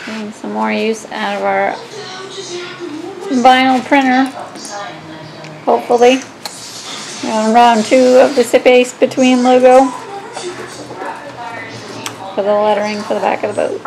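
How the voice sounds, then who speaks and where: A woman's voice: a little high, steady tone, a little slow, pauses often, a little mellow, low-quality recording. A woman in her forties, a sailing vlog host, chatting upbeat to the camera aboard her boat. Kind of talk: casual vlog narration. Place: aboard a sailboat, outdoors in the cockpit. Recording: clear background noise.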